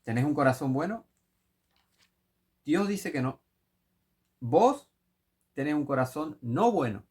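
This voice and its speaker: A man's voice: fairly high pitch, lively intonation, moderate pace, slightly rough. A man preaching a sermon, emphatic and full of rhetorical questions.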